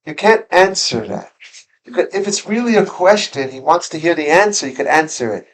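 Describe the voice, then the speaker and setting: Male teacher, higher voice, casual classroom lesson with lots of questions and restarts. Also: animated, fairly quick, a bit bright, rough recording. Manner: conversational, questions the students, frequent restarts. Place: school classroom.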